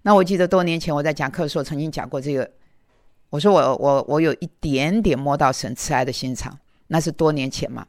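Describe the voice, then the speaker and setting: A woman's voice: low-pitched, quick pace, a little mellow, no room sound, clean studio sound. A woman in her sixties preaching in a conversational way, telling a personal story with many fillers and repeated words. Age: 60s. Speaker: lay preacher. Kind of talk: testimony sermon.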